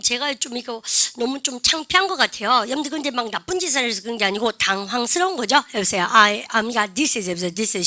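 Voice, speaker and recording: Woman, middle-aged, chatty drill-style grammar teacher, crisp bright tone. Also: on the high side, dry recording. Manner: drills the class, prompting "시작" and modelling slow English phrases; chatty, keeps asking "아시죠?" and "그죠?". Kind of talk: lively classroom grammar lecture.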